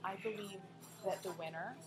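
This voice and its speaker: Young woman guest, lively and expressive, laptop mic at a restaurant table, clear music behind. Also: mid-range voice, moderate pace, rough recording. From United States. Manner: lively, expressive, laughs often. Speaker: guest, pageant coach. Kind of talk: casual interview chat. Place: restaurant dining room, indoors.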